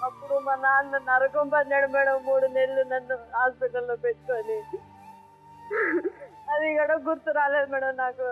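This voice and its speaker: A young woman pleads through tears, with a high voice. The sound is thin and phone-like, and soft music plays behind her. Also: flat delivery, normal speed. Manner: tearful, pleading, addresses host as madam. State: crying. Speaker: guest. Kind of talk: emotional confession.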